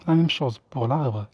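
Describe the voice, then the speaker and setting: A man teaching a recorded linguistics lesson, explaining slowly with many restarts and fillers. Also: medium pitch, mellow, breathy edge, no echo. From Morocco.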